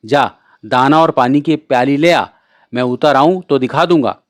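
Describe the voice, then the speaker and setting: A man's voice: mid-range voice, unhurried, no room sound, studio quality, natural voice. A man voicing a bossy older brother who scolds his little sister in a brusque, impatient way.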